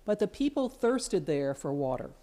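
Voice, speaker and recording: A woman serving as lector, giving a formal scripture reading in a church in a measured, even way. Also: lowish voice.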